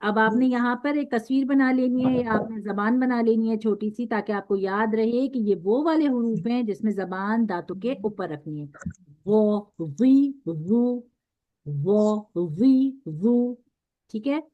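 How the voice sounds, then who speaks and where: A woman's voice: fairly high pitch, moderate pace, hardly any pauses. A woman teaching a recitation class, patiently drawing out syllables one by one for her students to repeat. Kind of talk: classroom instruction. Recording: dull lo-fi recording.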